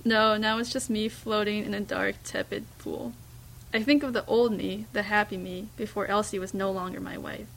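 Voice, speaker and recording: A woman reading a first-person story aloud, in a hushed, reflective way with small slips and restarts. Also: medium pitch, steady tone, moderate pace, vocal fry, few pauses, a little hiss or hum, poor audio. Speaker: reader.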